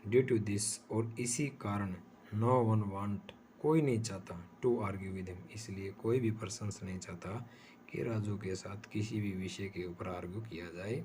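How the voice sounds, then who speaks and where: A man's voice: fairly low pitch, fairly even intonation, unhurried, darkish tone, a little hiss or hum. A man teaching English vocabulary in Hindi, explaining patiently and repeating each word and example.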